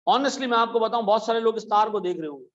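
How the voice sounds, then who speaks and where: A middle-aged man teaching accounting in a classroom, lively, telling stories and firing questions at his students. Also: high voice, quick pace, dull audio. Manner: animated, asks students questions, tells stories. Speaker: accounting lecturer. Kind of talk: classroom lecture.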